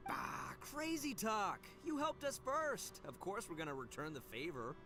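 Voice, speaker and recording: Wildly animated, brash young gang boss. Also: male voice, high-pitched, over music, full character voice. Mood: boisterous, hearty. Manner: cocky, bombastic, drawn-out emphatic words. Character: brash, boisterous, good-hearted young male gang boss. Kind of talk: video game voice acting.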